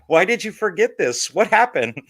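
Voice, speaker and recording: Jokey man with a lively, higher voice. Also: dry recording, clean studio sound. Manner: jokey, teasing, quick laughs. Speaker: podcast co-host. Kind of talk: casual chat about a novel.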